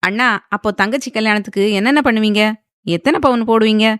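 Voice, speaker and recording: A woman's voice: fairly high pitch, a little fast, fairly bright tone, clean tone, no echo, studio quality, natural voice. A woman doing a playful, cheeky young woman. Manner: playful, laughing tone.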